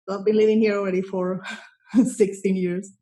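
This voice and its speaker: Her mid-range voice is mellow and flat in delivery, at a moderate pace. As a guest in a casual interview, this middle-aged content strategist from Colombia talks enthusiastically, frequently repeating words as she searches for how to put things.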